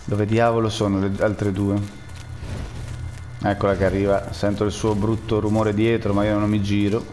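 A man's voice: fairly low pitch, monotone, moderate pace, darkish tone, soft background music. A man giving jittery, jokey live commentary while playing a game and talking to his chat. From Rome, Italy. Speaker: gaming streamer.

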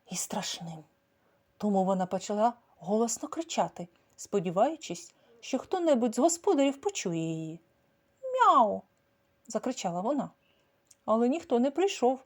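A woman, the author, reading her own children's story aloud in an expressive, sing-song storytelling manner. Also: on the high side. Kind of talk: storybook narration.

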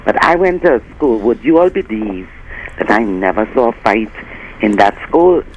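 A man's voice: lowish voice, animated, moderate pace, a crowd in the background, low-quality recording. Older man, folksy and rambling. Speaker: caller. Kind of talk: call-in radio.

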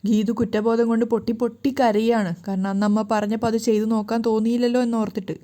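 Fairly high, mellow woman storyteller. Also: fast talker. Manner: plain, steady retelling with small slips. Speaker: storyteller recapping a serial. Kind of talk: casual story recap narration.

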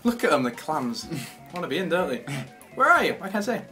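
Giggly young man, lively pitch. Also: brisk. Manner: giggly, bursts into high squeaky laughter. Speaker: game commentator. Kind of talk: casual gameplay commentary. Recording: faint game music behind.

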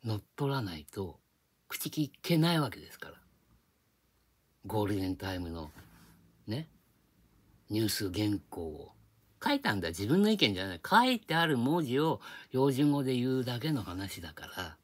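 A man's voice: fairly low pitch, sing-song, normal speed, pauses often, slightly rough. A man hosting his own video channel, talking in a casual rambling monologue and explaining his points with rhetorical questions, recorded on a tablet microphone.

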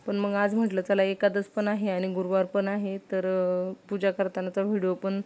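A woman's voice: medium pitch, level tone, normal speed, darkish tone, clear, resonant tone. A woman vlogger and mother from Maharashtra, chatting casually as she explains her daily routine step by step. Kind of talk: casual home vlog narration.

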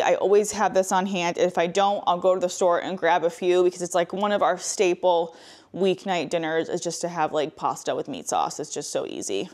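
A woman's voice: lowish voice, darkish tone. A woman in her thirties, a lifestyle vlogger, chatting casually through a grocery haul in her home kitchen on a lapel mic, upbeat and full of "like" and "um". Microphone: clip-on lapel mic.

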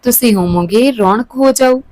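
A woman's voice: on the high side, normal speed, warm tone, dry recording, voice pushed up, close to an everyday voice, low-quality recording. A woman voicing a scheming elder sister-in-law who taunts and coaxes, in a storybook reading. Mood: taunting.

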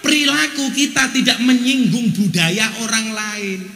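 A man with a Javanese accent giving a lively, joking sermon to a big gathering, dropping into local dialect for punchlines. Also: high voice, measured pace, creaky. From Java, Indonesia. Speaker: preacher. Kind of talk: lively humorous sermon to a crowd. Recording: echoey large hall.

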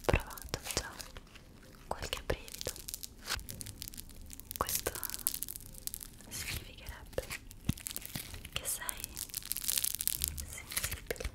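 Female, twenties. Unhurried ASMR whisper, right in your ear on a close studio mic. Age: 20s. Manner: slow, soft, unhurried delivery. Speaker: ASMR host. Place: small quiet indoor room. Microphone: large studio condenser microphone inches from the mouth. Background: crunchy slime crackling and crinkling.

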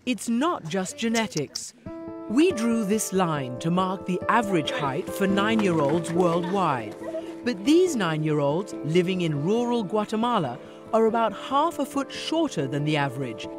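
Woman narrating news over soft music. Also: mid-range voice, very animated, unhurried. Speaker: news correspondent.

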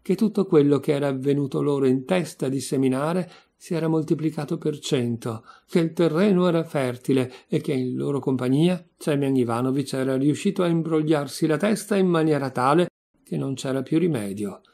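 A man reading a classic story aloud in a measured, expressive narration. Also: a little high, creaky. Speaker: audiobook reader.

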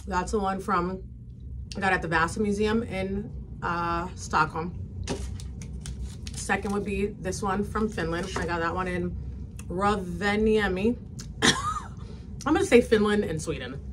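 A woman's voice: medium pitch, big pitch swings, unhurried, long pauses, a bit bright, a little hiss or hum. A woman food vlogger chatting casually while tasting snacks, talking with her mouth full with touches.

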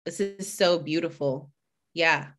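A woman's voice: low voice, unhurried. A woman hosting an online teach-in on a video call, chatty and welcoming as she greets people by name before moving into a more formal introduction. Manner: warm, chatty greetings, reading names from the chat. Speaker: host and executive director.

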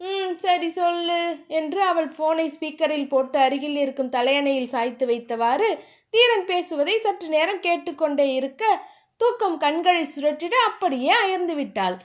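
A woman narrating a romance novel in steady storytelling. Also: high-pitched, moderate pace. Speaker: novel reader. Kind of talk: audiobook narration.

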